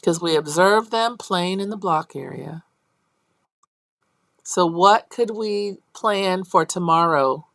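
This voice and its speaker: A woman instructor giving a college lecture on early childhood teaching, explaining step by step, checking in with her class and acting out teacher and child lines in a high, animated voice. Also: takes it slowly, no echo.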